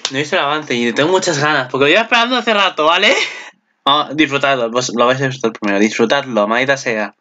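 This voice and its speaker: A man with a Spain Spanish accent giving excited reaction commentary, gushing, swearing and squealing in delight. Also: mid-range voice, fast, lo-fi sound. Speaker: anime reaction channel host.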